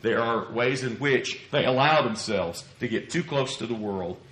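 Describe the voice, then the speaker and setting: Preaching expository material from a church pulpit, a man speaks with measured earnestness, explaining and asking rhetorical questions. His mid-range, slightly bright voice carries a little scratchiness from a cough that hasn't cleared. The roomy indoor space makes the recording echoey.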